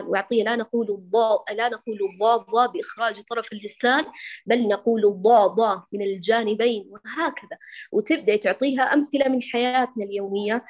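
A woman instructor answering a student's question in a lecture, quoting verses and teaching lines. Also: a little high. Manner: instructive, quotes verses and poems. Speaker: Quran recitation instructor.

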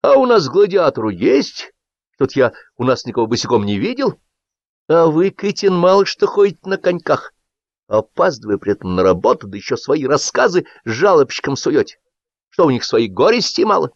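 A man's voice: on the high side, very animated, moderate pace, dry recording, voice pushed up. A man playing a blustering pompous Soviet boss. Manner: bombastic, declaiming, indignant. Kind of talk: audiobook character reading. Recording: dull lo-fi audiobook recording.

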